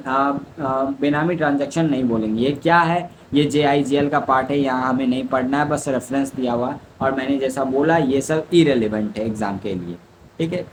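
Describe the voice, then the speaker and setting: A man's voice: mid-range voice, slight background noise, poor audio. A young man tutors exam students in law, explaining step by step and answering his own questions. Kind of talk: exam revision lecture.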